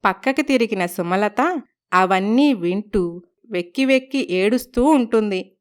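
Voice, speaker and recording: A woman narrates a cartoon moral story. Her voice is smooth and clear. She reads steadily in a scripted storytelling manner. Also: mid-range voice, expressive, unhurried.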